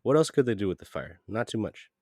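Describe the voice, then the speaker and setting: A man co-hosting a podcast in a casual chat, jokey and quick to riff on silly ideas. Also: lowish voice, big pitch swings, darkish tone, no room sound, clean studio sound. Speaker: podcast co-host.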